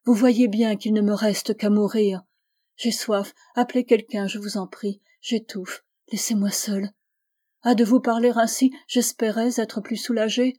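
A woman's voice: mid-range voice, steady tone, unhurried, dark tone, close to an everyday voice. A woman voicing an anguished, fervent young woman who was once blind, speaking with pleading intensity that rises to vehemence, in an audiobook. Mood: despairing.

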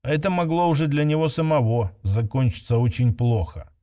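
A man reading a science-fiction story aloud as narrator, steady and even. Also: mid-range voice, a little fast. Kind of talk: scripted audiobook narration.

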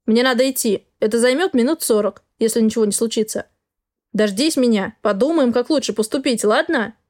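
A woman's voice: on the high side, fairly quick, a little mellow, natural voice. A woman voicing a blunt male doctor. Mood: brisk. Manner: blunt, plain-spoken. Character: blunt caring male doctor, gruff, protective. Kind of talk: audiobook dialogue.

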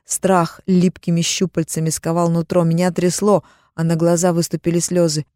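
A woman's voice: lowish voice, flat delivery, normal speed, warm tone, dry recording, clean studio sound. Woman narrating a tense audiobook. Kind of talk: first-person audiobook narration.

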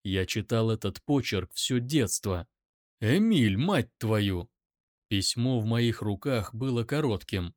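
A man's voice: on the low side, unhurried, few pauses, dry recording, studio quality. A man reading a first-person story aloud as an audiobook narrator, with dramatic delivery.

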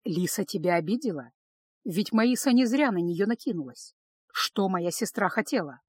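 A woman reading an audiobook, voicing a stern male snake-lord and protective father who speaks quietly. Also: mid-range voice, animated, normal speed, husky, no echo, clean studio sound. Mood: grave. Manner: quiet and stern, tender to his child. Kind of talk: audiobook character voice.

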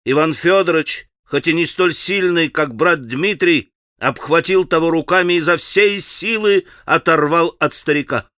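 A man narrating a classic novel with a dramatic, expressive delivery. His voice is bright and sits slightly high for a man. The recording is close and dry. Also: moderate pace, no room sound. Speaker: audiobook narrator. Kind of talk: scripted literary narration.

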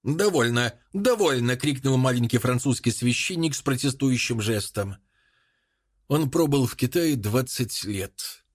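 A man narrating a story in an even, measured reading voice. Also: medium pitch, slightly rough, no room sound, studio quality. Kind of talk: audiobook narration.

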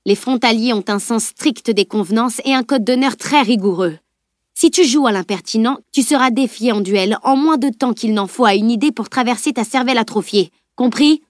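A woman reading aloud and voicing a pompous, fussy male analyst who lectures and scolds in a raised, loud tone. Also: fairly high pitch, normal speed, no echo, studio quality, close to an everyday voice. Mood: lecturing. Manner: haughty, lecturing.

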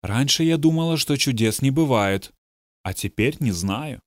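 A male narrator voicing an injured young woman who speaks hoarsely and shakily in an audiobook. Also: mid-range voice, lively intonation, moderate pace, soft background music, natural voice. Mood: weary. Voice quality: hoarse, trembling. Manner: gasping, strained. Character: battered hoarse young woman, desperate and frightened. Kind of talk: audiobook dialogue reading.

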